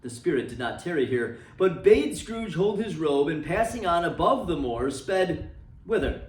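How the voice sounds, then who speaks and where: A man reads a classic novel aloud for a library at a moderate pace, dramatic and expressive, his voice sinking low and soft as phrases end. He is recorded from a distance in an echoey room.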